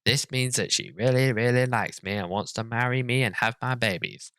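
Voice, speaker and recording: A man's voice: medium pitch, normal speed, fairly bright tone, no echo, pitched above the performer's own voice, close to an everyday voice. A man voicing a self-pitying young writer who reads his own story in an earnest, overwrought way. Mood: gushing. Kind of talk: mocking dramatic reading.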